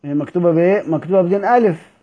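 A man's voice: sits high, rapid-fire, slightly rough, highs cut off. A man with an Egyptian accent teaching a lesson, reading a classical text aloud in formal Arabic and then explaining it in everyday speech while putting questions to his students. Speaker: teacher of Quran orthography.

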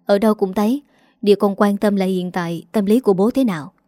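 A woman voicing a young office-worker daughter, soft and pleading with her mother. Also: medium pitch, quick pace, dry recording, clean studio sound, lightly acted.

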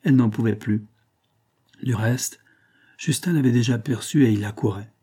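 Husky, dark-voiced male audiobook narrator. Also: medium pitch. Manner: steady, measured literary reading. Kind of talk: scripted narration.

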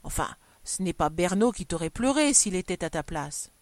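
A woman reading aloud, voicing an impulsive, nervous bourgeois wife who pleads and exclaims in a raised, higher voice. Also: normal speed, dry recording, lightly acted. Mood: insistent. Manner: excitable, pleading, higher and louder than the narration.

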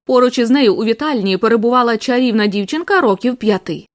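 Woman audiobook narrator, steady storytelling, high voice, dry close sound. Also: quick pace, no room sound. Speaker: audiobook reader. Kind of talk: scripted narration.

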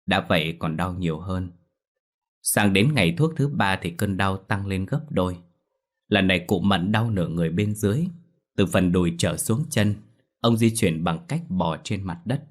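Deep-voiced male storyteller. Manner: steady, measured storytelling. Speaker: narrator. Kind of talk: scripted story narration.

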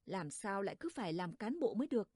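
A gentle young village brother reasons with his sister in a worried voice, as a woman narrator reads him. The sound is dark and breathy, close and dry. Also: medium pitch, sing-song, fast talker, no echo.

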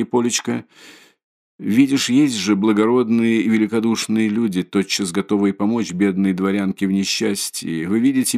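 A man reading an audiobook, voicing a distraught, proud, impoverished widow who talks in a shrill, frantic, haughty way. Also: gravelly, darkish tone. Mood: haughty, bitter.

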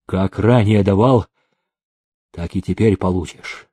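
A man's voice: low-pitched, a little slow, slightly rough, dry recording, voice pushed down. A man voicing a hot-tempered young male heir who threatens and barks orders. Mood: firm. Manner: menacing, shouting threats.

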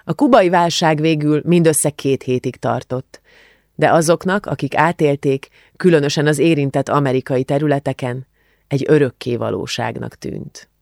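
Male audiobook narrator with a Hungarian accent, measured, gravelly, dry studio sound. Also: on the high side, a little mellow, no room sound. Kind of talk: scripted narration.

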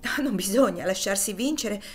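Woman reading as a loving middle-aged dad, gentle, soothing, audiobook reading. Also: medium pitch, animated, normal speed, slightly rough. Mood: tender. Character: devoted, tender middle-aged father.

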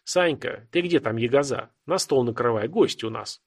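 A man voicing an old village wise-woman, gruff yet kindly, with a folksy, brisk way of asking questions. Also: fairly high pitch, sing-song, fairly bright tone, pitched above the performer's own voice, full character voice.

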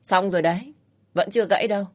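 A woman's voice: medium pitch, fast, darkish tone, lightly acted. A woman voicing a cocky, teasing young man with a brusque, mocking way of talking, in a storybook reading.

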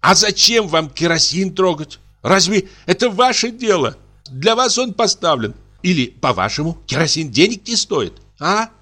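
A man voicing a stingy, scolding spinster woman in a shrill, nagging tone. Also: sing-song, normal speed, bright, forceful tone, heavily acted.

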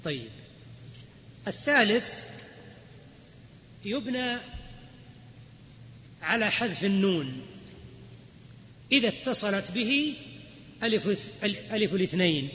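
A high-voiced man gives a grammar lecture in a large hall. He explains each rule and then quizzes his students. The recording is dull and lo-fi, with long reverb and a faint hiss. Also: big pitch swings, slow, long pauses, sharp tone. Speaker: Islamic scholar teaching grammar. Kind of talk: classroom lecture.

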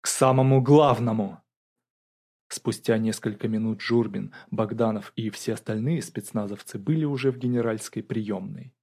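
A man narrating an audiobook in a steady, brisk storytelling manner. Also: lowish voice, vocal fry, husky.

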